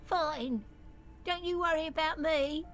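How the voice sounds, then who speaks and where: A woman's voice: sits high, slow pace, over music. A wheezy old cleaning lady. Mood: grumbling. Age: older. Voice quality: coughing, wheezy. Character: sickly old cleaning woman, grumbling and wry. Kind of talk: game voice acting.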